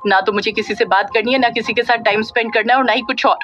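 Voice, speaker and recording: A woman narrator voicing Ananya, a sulky young woman who complains in quick huffy bursts. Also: on the high side, steady tone, a bit bright, close to an everyday voice. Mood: sulky irritated. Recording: dull lo-fi audio with faint music.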